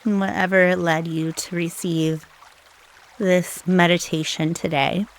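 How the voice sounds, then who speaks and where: A woman guides a meditation in a soothing, unhurried manner, leaving long pauses between short phrases. Her voice sits fairly low and her tone stays level.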